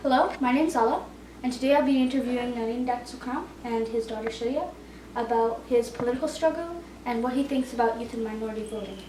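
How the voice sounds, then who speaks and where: A woman's voice: a little high, fairly quick, warm tone. A young woman interviewing a guest, asking her questions tentatively with some fillers. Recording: roomy echo, distant mic, faint noise.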